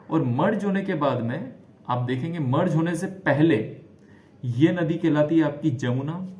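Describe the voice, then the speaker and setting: Animated man teaching in an echoey room. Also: fairly high pitch. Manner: lively, repeats key names, mixes English phrases into Hindi. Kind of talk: explaining a lesson over a diagram.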